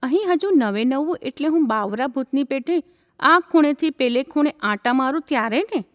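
A fond, teasing young husband from a spoken story, read by a woman. The voice stays high and gentle. It sounds through a long hall reverb. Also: animated, moderate pace. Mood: tender.

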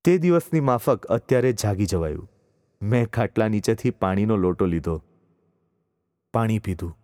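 Man reading a story slow n measured, lowish voice, dry but with a long reverb tail. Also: expressive, darkish tone. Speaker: narrator. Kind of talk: storytelling narration.

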